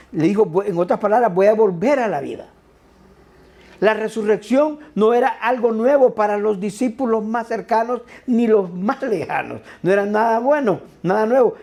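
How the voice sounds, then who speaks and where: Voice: medium pitch, dark tone. A pastor giving a sermon in a conversational way, checking in with tag questions and repeating words for emphasis.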